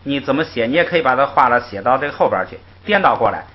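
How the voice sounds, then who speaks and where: Man, language teacher, patient classroom lecture, call-and-repeat drills, animated intonation, muffled recording. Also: mid-range voice, fast talker. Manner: lively, patient, interjects "ai" often, models syllables for repetition.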